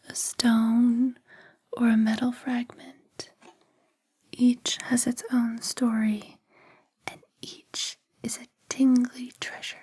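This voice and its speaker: A woman hosting ASMR in a breathy, unvoiced whisper, speaking gently in slow, deliberate phrases. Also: on the high side. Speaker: ASMR host.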